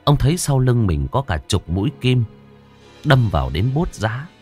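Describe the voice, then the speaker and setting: A man with a mid-range voice narrates a scripted horror story at a normal pace, dramatic and expressive. Faint music plays behind him.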